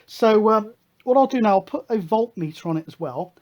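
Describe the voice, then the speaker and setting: A man's voice: high voice, lively intonation, a little fast, dull audio. A British man hosting a hobby electronics video, talking through a hands-on demonstration in a chatty, matter-of-fact way.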